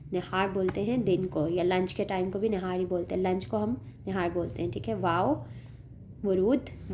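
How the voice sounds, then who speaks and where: A woman's voice: medium pitch, mellow, slight background noise. Patient woman teaching a language lesson. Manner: patient, slows to spell out each word, often adds "theek hai". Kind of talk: teaching a Persian alphabet lesson.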